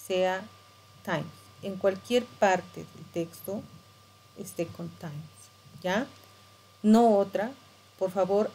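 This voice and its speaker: A woman's voice: medium pitch, a little mellow, breathy edge, poor audio. A middle-aged woman teacher, explaining patiently and checking in with tag questions. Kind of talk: screen-share tutorial lesson.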